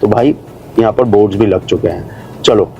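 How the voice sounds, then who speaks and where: A man on the lower side of the vocal range speaks at normal speed with a warm tone, chatting to his viewers as he drives a new expressway and stops at a building site. As a travel and real estate vlogger, he explains things and calls them brother and friends. The highs are cut off, with slight background noise.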